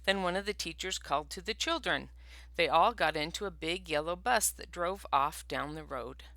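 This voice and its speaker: A woman teacher reading a picture book aloud to her first grade class, expressive and stopping to ask questions. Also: lowish voice, moderate pace, no room sound.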